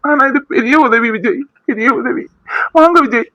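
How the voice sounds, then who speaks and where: A man's voice: very high voice, moderate pace, no echo, muffled recording. A man voicing an anxious, doting young husband in a cartoon, earnest and reassuring. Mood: relieved. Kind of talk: cartoon voice acting.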